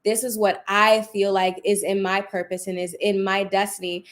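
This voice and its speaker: A woman's voice: medium pitch, level tone, moderate pace. A woman speaking casually and emphatically to viewers like a self-help coach, encouraging them and repeating phrases for emphasis. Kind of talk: casual motivational talk to viewers. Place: room at home.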